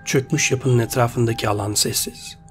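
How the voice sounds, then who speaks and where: A man's voice: medium pitch, steady tone, moderate pace. Man narrating a story over faint music.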